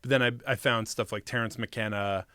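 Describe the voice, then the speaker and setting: A man's voice: fairly low pitch, steady tone, brisk, sharp tone, smooth, no echo, studio quality. A man in a casual interview, telling stories as the guest in a rambling, profane, slangy way. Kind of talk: casual chat, storytelling.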